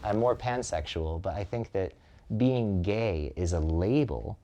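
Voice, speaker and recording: Give me a man with a very low voice, recorded up close on a microphone. He talks in a relaxed, reflective way, with lots of "like" and "um." He pauses to think as he goes. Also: lo-fi sound. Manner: thoughtful, reflective, with frequent "like" and "um". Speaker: relating practice facilitator. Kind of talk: casual conversation. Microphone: close mic.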